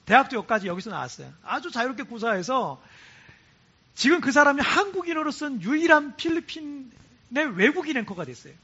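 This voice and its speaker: A high-pitched male pastor from Korea delivers a chatty sermon, his voice bright and slightly husky. He swings up and down with lively intonation and keeps repeating phrases for emphasis. The church recording sounds dull and lo-fi. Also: brisk. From South Korea. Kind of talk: sermon to a congregation. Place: church in Cebu.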